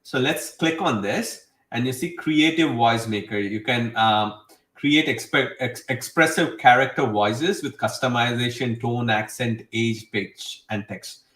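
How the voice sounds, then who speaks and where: A man's voice: mid-range voice, measured pace, fairly bright tone, far from the mic. A man hosting a casual screen-share tutorial, talking enthusiastically in a rambling way full of fillers. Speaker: host demonstrating software. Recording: roomy sound, away from mic.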